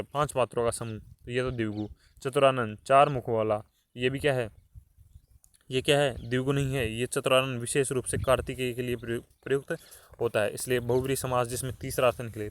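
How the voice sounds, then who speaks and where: A male teacher working through a test question by question in an online class, explaining each answer step by step and asking many rhetorical questions. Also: medium pitch.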